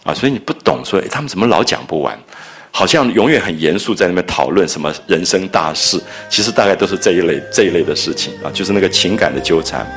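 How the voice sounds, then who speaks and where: Low-voiced man giving a lively lecture. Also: quick pace, faint music behind. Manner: conversational, paraphrasing and acting out quotes with rising emphasis. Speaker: lecturer on classical literature. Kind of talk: explanatory lecture with retold scenes.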